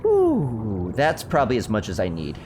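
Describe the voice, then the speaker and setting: A man's voice: fairly low pitch, huge pitch swings, normal speed, a little mellow, slight background noise. A young man chatting casually while streaming a survival game, rambling through stories and answering his chat. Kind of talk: casual gameplay commentary.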